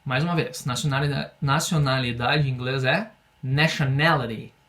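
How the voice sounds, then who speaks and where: A man from Brazil teaching an English lesson online. He talks at a middling pitch and patiently explains each point. He slows way down whenever he models a phrase for the students. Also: a bit bright.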